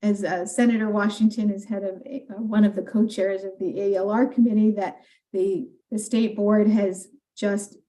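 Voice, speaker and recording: Mellow-voiced woman briefing a committee. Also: mid-range voice, steady tone, normal speed, low-quality recording. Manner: explanatory, with frequent fillers. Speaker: legislative staff presenter.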